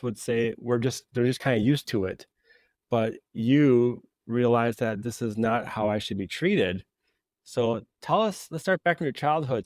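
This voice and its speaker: A man's voice: medium pitch, a little mellow, no room sound, clean studio sound. A man hosting a podcast, asking loose, rambling questions in a casual interview. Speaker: podcast host.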